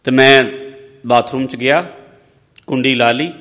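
Guy preaching on stage, loud then soft, big echoey hall. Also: unhurried. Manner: earnest, swings between loud emphasis and soft low asides. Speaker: religious preacher. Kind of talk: sermon with personal stories. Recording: long hall reverb.

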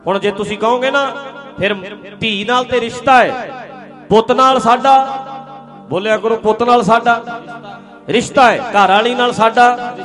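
A man preaching a conversational Sikh sermon, earnestly putting rhetorical questions to his listeners and speaking to them directly. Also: extremely high pitch.

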